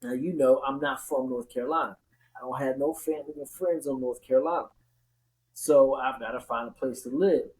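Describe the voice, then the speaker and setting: A man's voice: medium pitch, a little fast, darkish tone, poor audio. A man telling his own story in casual conversation as a podcast host, repeating words for emphasis.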